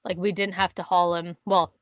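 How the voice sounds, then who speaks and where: A woman from Canada co-hosting a podcast, telling a hunting story in casual chat, animated and swearing, acting out other people's words. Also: fairly low pitch, normal speed, dry recording. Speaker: podcast co-host.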